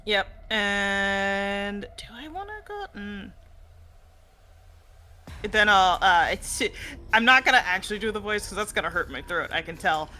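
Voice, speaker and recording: A player at a tabletop game, talking casually and slowly, often laughing and trailing off. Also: medium pitch, expressive, bright, forceful tone, slight background noise. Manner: slow, giggly, trailing off.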